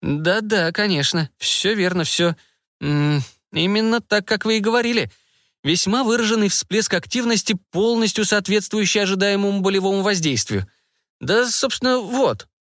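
A man's voice: sits high, animated, a bit bright, dry recording, studio quality, pitched above the performer's own voice. A man voicing a fussy, hesitant male scientist who keeps humming "m" mid-sentence in an audiobook. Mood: eager. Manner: halting, hums "m" mid-sentence. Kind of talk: audiobook character voice.

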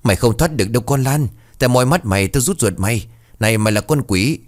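A man's voice: fairly low pitch, animated, a little fast, no echo, studio quality. A man voicing a grief-crazed older village chief who wails and rants. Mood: raging. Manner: wailing, ranting.

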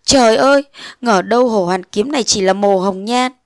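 A woman voicing an eighteen-year-old girl who pleads and reproaches her lover, rising to shrill protest. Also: normal speed, no room sound, studio quality, lightly acted. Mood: desperate. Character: young woman of eighteen, tearful and indignant.

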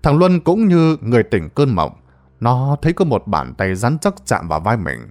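A man with a mid-range voice narrates a ghost story at normal speed, telling it in a dramatic, expressive way.

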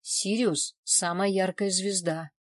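A reader voicing a hoarse, shaken man who was just choked and keeps coughing, speaking in a raised, agitated voice. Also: high-pitched, fairly even intonation, unhurried, dry recording, clean studio sound. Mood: explaining.

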